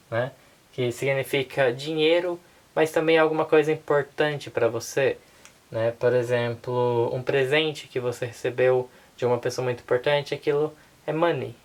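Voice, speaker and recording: A woman with a Brazilian Portuguese accent giving a casual online language lesson, relaxed and unhurried, often checking in with her listeners. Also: a bass voice. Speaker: language teacher.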